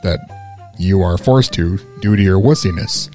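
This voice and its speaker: A man's voice: sits low, normal speed, dark tone, soft background music. A man hosting a radio show in casual banter, teasing and needling his co-host.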